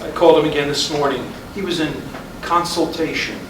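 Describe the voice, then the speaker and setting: A man with a fairly high, brisk voice reads the part of an easygoing, pragmatic husband in casual staged-play dialogue, lightly acted with a casual, matter-of-fact mood. He's recorded on a distant mic in an echoey, noisy room.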